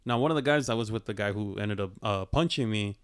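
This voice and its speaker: A laid-back man tells a story in a relaxed podcast chat. His voice is smooth and clear, and he pads his telling with plenty of fillers. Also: fairly low pitch, fast talker.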